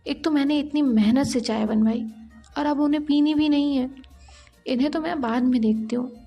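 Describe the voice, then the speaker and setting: A woman's voice: high voice, moderate pace, gravelly, mellow, faint music behind. Aradhana, a woman voicing a touchy young office worker. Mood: irritated. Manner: snappish, indignant.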